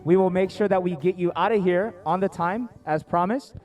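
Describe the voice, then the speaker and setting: The seminar host speaks at normal speed in a high, slightly mellow voice, with faint music behind him. An American-accented company founder and educator, born in South Korea and raised in Atlanta, he presents informally and playfully to families in an indoor seminar room and to an online audience.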